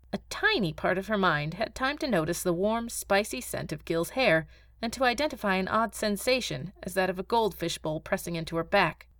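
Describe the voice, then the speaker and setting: A woman narrating a novel aloud in an expressive, dramatic storytelling manner. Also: mid-range voice, no room sound, studio quality. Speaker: audiobook narrator. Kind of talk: storybook reading.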